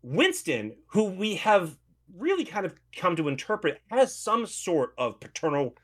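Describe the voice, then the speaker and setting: A man talking through a film in a casual review chat, sounding enthusiastic. His voice sits a bit high and moves around a lot in pitch. He often stumbles into a restart before going on. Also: huge pitch swings, unhurried, fairly bright tone. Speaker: podcast co-host discussing a film.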